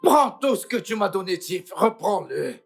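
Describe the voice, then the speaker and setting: A woman's voice: mid-range voice, very animated, normal speed, vocal fry, slightly rough, faint music behind, exaggerated voice. A woman dubbing a panicked young husband in a French film dub, groaning, pleading and exasperated. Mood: despairing.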